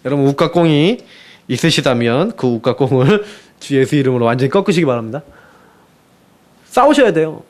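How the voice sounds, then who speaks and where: A man's voice: medium pitch, brisk. A man preaching a sermon as pastor, asking his congregation questions and acting out scripture quotes. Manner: animated, acts out Bible quotes in raised voices, asks the congregation questions. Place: church sanctuary.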